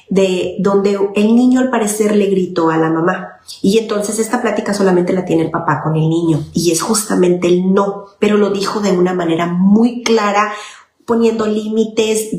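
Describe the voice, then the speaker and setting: A woman's voice: mid-range voice, darkish tone. A woman child psychologist, explaining parenting in an informal talk and often checking in with "okay?". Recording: echoey room with faint noise.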